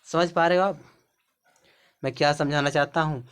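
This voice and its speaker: A man's voice: a little high, steady tone, moderate pace, a bit bright, clean tone. A man teaching a spelling lesson, patiently spelling out words letter by letter. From India. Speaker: English teacher.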